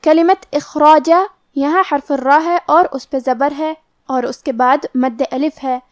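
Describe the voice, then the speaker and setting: A woman's voice: high voice, no echo, studio quality. A woman teaching Quran recitation, methodically explaining the pronunciation rule for each letter step by step. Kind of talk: tajweed lesson, explaining pronunciation rules.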